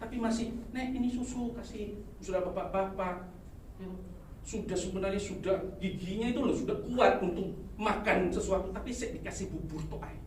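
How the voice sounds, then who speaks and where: A woman preaching a sermon, swinging between loud emphatic exhortation and quiet asides. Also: mid-range voice, moderate pace, slight background noise. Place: church. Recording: echoey church hall, distant mic.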